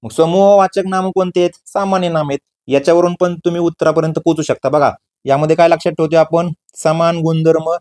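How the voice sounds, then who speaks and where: A man leads an exam-prep grammar lesson. His voice sits a little high, and he drills each definition by asking a question and answering it himself, repeating the key words. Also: fairly even intonation, fast, hardly any pauses, darkish tone. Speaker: teacher.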